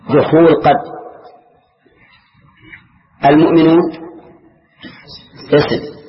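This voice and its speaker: An older man teaching a grammar lesson, patiently questioning his students and repeating key words. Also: on the high side. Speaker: Islamic scholar teaching grammar. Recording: dull lo-fi lecture recording.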